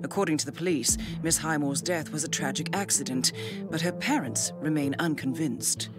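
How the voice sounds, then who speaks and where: A video game actress voices a composed, businesslike intelligence handler delivering formal, measured, articulate mission briefings. Her natural, low female voice comes over loud music.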